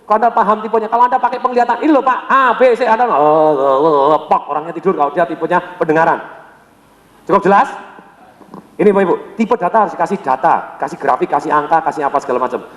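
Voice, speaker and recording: High-voiced, fast, energetic male sales trainer. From Indonesia. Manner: energetic, prompts the audience to finish his sentences; peppers talk with direct address and rhetorical questions. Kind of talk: seminar talk to a live audience. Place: large hall. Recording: echoey hall with long reverb.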